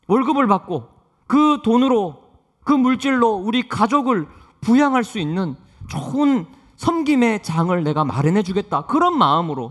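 A male pastor delivering a sermon, telling stories earnestly and moving between strong and soft delivery. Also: high voice.

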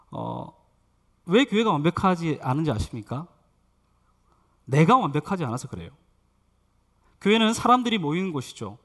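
Lively animated Korean male preacher. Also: sits high. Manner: animated storytelling preacher, asks the congregation questions. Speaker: pastor. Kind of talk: sermon.

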